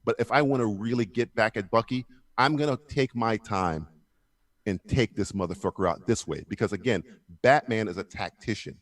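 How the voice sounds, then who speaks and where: A man's voice: lowish voice, moderate pace, no echo, clean studio sound. Co-host, male, heated and profane, acts out quotes mid-rant. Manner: animated, swears a lot, acts out quotes. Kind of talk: heated casual debate. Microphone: video call.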